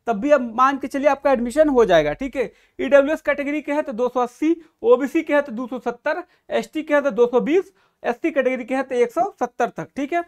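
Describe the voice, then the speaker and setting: A man with a notably high voice talks students through admission details as he stands at a board. His delivery is direct and explanatory, and he often stops to check that listeners are following. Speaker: admissions guidance YouTuber. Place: room with a whiteboard.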